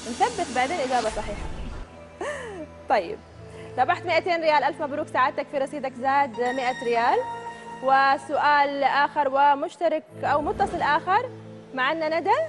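A woman hosting a televised quiz show from a studio, reading out questions and answer options crisply and upbeat. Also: high voice, lively intonation, a little fast. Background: show music.

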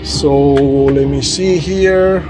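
A man with a slightly high voice chats his way through a flight simulator startup, addressing viewers as he goes. He is recorded on a phone in his home cockpit room. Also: very slow, music in the background. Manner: chatty, addresses viewers directly. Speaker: flight sim hobbyist host. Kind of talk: casual tutorial walkthrough. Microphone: phone camera held or mounted nearby.

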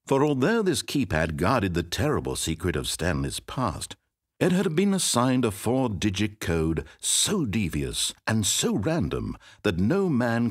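A sardonic, condescending storybook narrator, who lays on dry mockery with a slightly husky, low voice. His pitch swoops widely from phrase to phrase, and the close, dead-dry studio sound puts him right in the listener's ear. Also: no room sound, exaggerated voice. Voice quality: dry, mocking delivery. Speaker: game narrator. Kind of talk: scripted video game narration.

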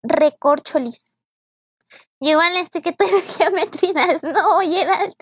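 A woman's voice: extremely high pitch, measured pace, a bit bright, no room sound, studio quality. A young woman, chatting playfully on a live gaming stream, teasing and mock-exasperated as she thanks viewers by name. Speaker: VTuber streamer.

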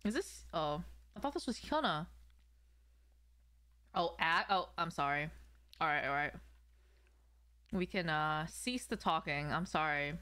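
Her voice is low, smooth and sharp-toned, animated yet a little slow, with long pauses. She's a young woman whose first language isn't English, casually live streaming in slang from a small room at home, close on a desk mic on an arm, reading and answering viewers.

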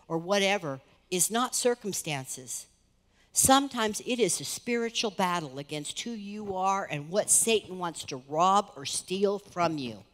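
On a large indoor church stage, a middle-aged woman pastor from the United States delivers a sermon in a low voice. She's earnest and conversational, rising lively and then softening, with the hall's reverberation around her.

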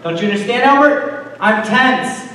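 A teenage actor playing a swaggering rock-and-roll idol in a school musical, singing and talking brashly. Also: male voice, high-pitched, animated, a little slow, bright, forceful tone, exaggerated voice. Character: cocky rock-and-roll idol about to join the army. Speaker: stage actor. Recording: echoey auditorium from far off, with live band.

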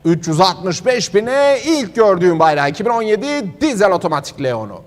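A man's voice: sits high, sing-song, a little fast. A man working as a car auctioneer, calling bids in a repetitive chanting manner. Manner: repetitive chanting bid calls. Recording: long hall reverb.

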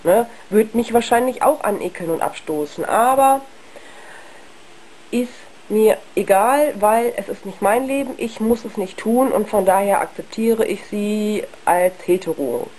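Husky woman, voice giving out. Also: medium pitch, darkish tone, rough recording. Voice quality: husky, worn voice. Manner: frank, reflective, halting. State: ill with flu, voice giving out. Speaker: video blogger. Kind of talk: casual personal monologue to camera.

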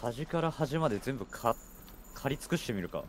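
A video game streamer banters casually with his co-op partner, reacting offhandedly as he plays. His medium-pitched voice is expressive and moderately paced, with game music behind it and a little hiss or hum.

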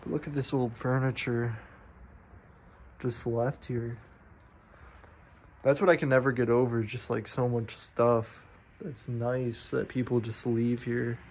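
A man exploring an abandoned farmhouse on a handheld phone camera, commenting on what he finds in a curious, low-key way. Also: level tone, a little slow, long pauses, darkish tone, a little hiss or hum, rough recording. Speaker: urban explorer vlogger. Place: abandoned farmhouse and yard, indoors and out.

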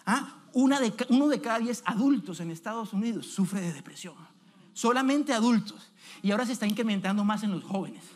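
A man's voice: sits high, lively intonation, brisk. A man preaching a sermon as an evangelist in a church, speaking emphatically and asking the congregation direct questions.

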